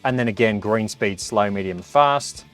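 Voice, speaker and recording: A man's voice: on the low side, normal speed, faint music behind. A man giving a casual hands-on review, chatting and reacting aloud as he plays. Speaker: product reviewer.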